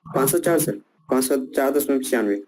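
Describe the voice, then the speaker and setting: A man's voice: medium pitch, animated, brisk, darkish tone, a little hiss or hum. A male student giving short, respectful answers in an online class.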